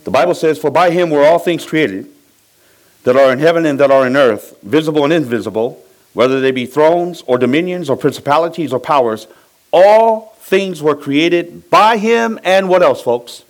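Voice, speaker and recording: A middle-aged Samoan pastor preaches a lively sermon, pausing so his congregation can fill in the ends of his sentences. His voice is fairly high and his pace moderate, though the audio quality is poor.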